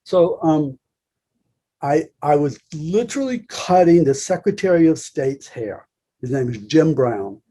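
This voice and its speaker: A middle-aged man, a salon owner guesting on a podcast, telling lively stories and acting out the voices of people he quotes. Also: a little high, unhurried. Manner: lively anecdotal storytelling, acts out quoted voices. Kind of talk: storytelling interview.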